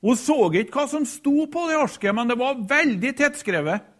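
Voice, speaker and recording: High-voiced hesitant male preacher. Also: expressive. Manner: halting storyteller, frequent hesitations, repeated quote tags. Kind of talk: sermon with a retold deathbed story.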